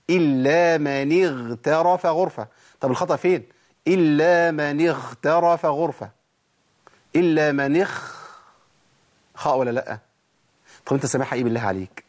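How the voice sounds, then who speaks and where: A man with an Egyptian accent teaching tajweed, asking and answering his own questions and reciting examples slowly. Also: mid-range voice, darkish tone. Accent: Egyptian Arabic. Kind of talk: tajweed lesson on letter pronunciation.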